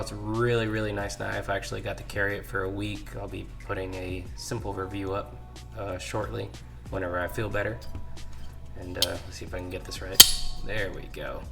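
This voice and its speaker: Still recovering from being sick, this channel host and knife enthusiast sounds hoarse as he walks through his purchases at a garage workbench. His lowish voice stays easy and unhurried, dotted with the odd "uh" and "um," in a casual show-and-tell vlog with faint background music.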